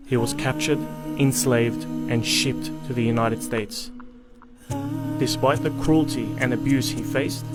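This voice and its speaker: A man giving scripted documentary narration in a measured, even storytelling delivery. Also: mid-range voice. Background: background music.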